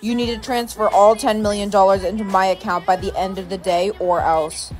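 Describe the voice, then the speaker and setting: A woman's voice: medium pitch, flat delivery, a little fast, a little mellow, soft background music, voice pushed down, close to an everyday voice. A woman playing a greedy, scheming young swindler who taunts her victims. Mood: threatening. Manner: gloating, taunting.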